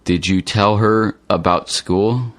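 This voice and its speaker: Man, low voice, slow and careful, plain delivery, dry close mic; reads learner dialogues. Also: fairly even intonation, no room sound. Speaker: dialogue reader for English learners. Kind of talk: slow scripted dialogue reading.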